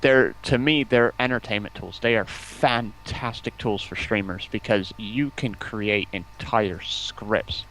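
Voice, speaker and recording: Speaking a little slowly yet with hardly any pauses, this man has a lowish, slightly bright voice, captured in a rough recording with some faint background noise. He's a community outreach rep guesting on a stream, giving lengthy, eager, meandering explanations in a casual interview on game streaming.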